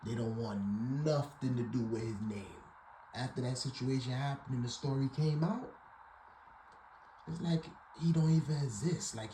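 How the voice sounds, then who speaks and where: Slow laid-back man, echoey noisy room. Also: medium pitch, mellow. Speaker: commentator. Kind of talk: casual commentary. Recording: echoey room with clear background noise.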